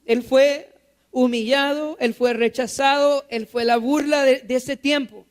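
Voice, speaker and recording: Very high-voiced male pastor preaching. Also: fairly even intonation, measured pace. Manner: asks the congregation rhetorical questions and repeats key phrases. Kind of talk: sermon. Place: church.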